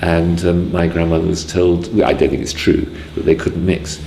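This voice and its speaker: A man in his sixties from Wales, recalling his early life in a hesitant way, with many pauses and restarts. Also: deep voice, fairly even intonation, vocal fry, mellow, echoey room, slight background noise. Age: 60s. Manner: hesitant, full of ums and restarts. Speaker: interviewee. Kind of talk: casual spoken memoir.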